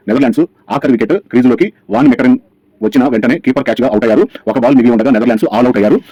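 A man's voice: medium pitch, no echo. A man narrating a scripted cricket match recap as a channel host, rattling through scores over by over. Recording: dull, lo-fi sound.

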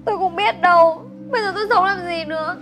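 A very high, whiny young woman, played by a woman. She complains and sulks, and a little music plays in the background. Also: quick pace. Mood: distraught. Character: weepy young woman, sister's best friend. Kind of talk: web drama acting.

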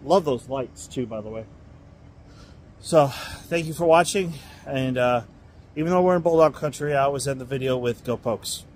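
On his phone, a man with a darkish, middle-pitched voice narrates a walking tour of a stadium at a moderate pace. He's enthusiastic and rambling, pausing to correct his own sentences, while faint ambient noise and an occasional vehicle sound outside.

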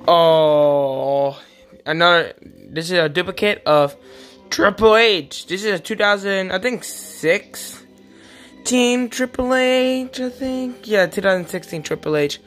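Slow-talking, excitable woman vlogger. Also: deep voice. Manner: excitable, with frequent gasps and laughs. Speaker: vlogger showing a toy wrestling figure collection. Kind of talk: casual unscripted show-and-tell.

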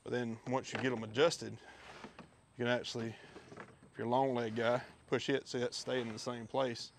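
A man giving a relaxed, chatty walkthrough of his gear outdoors, filmed on a head-mounted camera. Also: mid-range voice, moderate pace, a little hiss or hum. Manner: relaxed, chatty, with many fillers. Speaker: fishing video host. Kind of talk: casual product walkthrough. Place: backyard outdoors. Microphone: head-mounted action camera.

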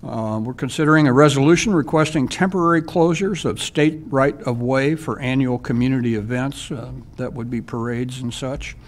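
A middle-aged man as mayor, chairing a town council meeting at a desk microphone and reading agenda items in a measured, businesslike way with frequent fillers. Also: medium pitch. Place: council chamber. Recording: faint hiss in a council chamber.

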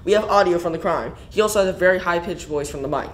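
A man's voice: high voice, fast. A man hosting a comedic fake newscast, jokey and rambling, tripping over his own words. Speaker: mock news host.

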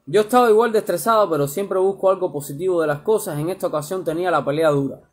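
A man reading his own first-person story aloud, lively and colloquial. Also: high voice, quick pace.

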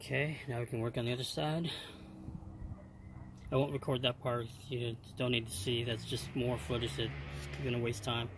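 Gravelly, flat-voiced home mechanic. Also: male voice, medium pitch, moderate pace, background noise. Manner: hesitant, many fillers, explains step by step. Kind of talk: casual DIY explanation.

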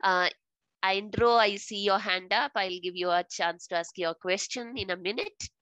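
A woman's voice: mid-range voice, normal speed, sharp tone, no echo, poor audio. A woman facilitating a video call, explaining a task with many filler sounds and hesitations. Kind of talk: giving instructions in a video call.

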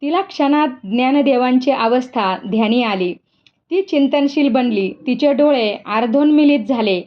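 A woman narrating a novel aloud with expressive storytelling, in a dull lo-fi recording. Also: high voice, moderate pace.

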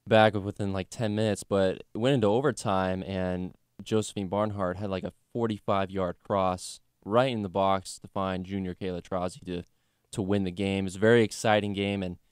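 A man's voice: low-pitched, fairly even intonation, moderate pace, clear, resonant tone, no echo, studio quality. A young man co-hosting a college sports podcast, chatting about games in a loose, joking way with lots of fillers. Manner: chatty, jokey, lots of fillers like "you know" and "like". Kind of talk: casual sports chat.

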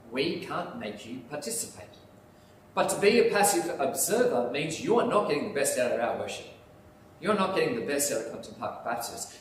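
A pastor preaches in a church sanctuary before the altar, animated and emphatic, gesturing with lively emphasis. His voice is fairly high for a man and booms through the big, echoing hall; he wears a lapel mic but is filmed by a distant camera, so he sounds far off. A faint hum lingers in the background.

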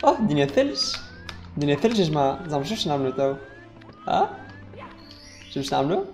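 Gaming streamer, live commentary, joking with chat, very expressive pitch. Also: very fast, faint music behind. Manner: animated, exclaiming, joking with chat.

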